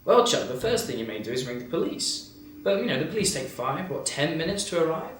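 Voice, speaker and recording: A man acts a confident professor in a parody infomercial, selling gadgets matter-of-factly. His voice is slightly high and swings with emphasis. It is recorded in an echoey room, a bit away from the mic. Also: very animated, brisk, fairly bright tone. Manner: matter-of-fact, emphatic demonstrator. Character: confident male professor pitching absurd home weapons. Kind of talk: parody infomercial sales pitch. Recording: echoey room, distant mic, faint noise.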